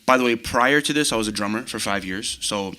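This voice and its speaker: A man's voice: fairly low pitch, brisk, sharp tone, slight background noise. A man in his twenties from Belarus, a guest chatting casually in a slangy, rambling way with lots of fillers. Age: 20s. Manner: laid-back, slangy, rambling with many fillers and restarts. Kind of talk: casual chat.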